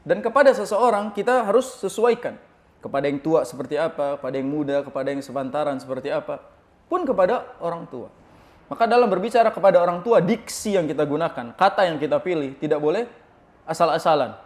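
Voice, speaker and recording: Guy with a pretty high voice preaching a study lecture, reads arabic lines slow then explains. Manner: lively teaching tone with rhetorical questions. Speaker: Islamic preacher.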